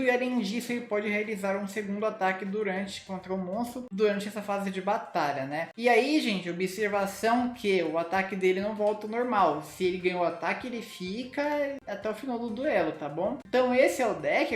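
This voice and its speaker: A Brazilian Portuguese speaker giving casual card game commentary in an informal manner, often checking in with short tag questions. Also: mid-range voice. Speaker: gaming channel host. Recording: roomy echo with faint music. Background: music.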